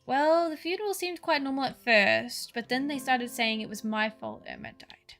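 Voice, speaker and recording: A woman's voice: high voice, normal speed, creaky, fairly bright tone, faint music behind. A woman voicing an earnest, slightly anxious young doctor in a game.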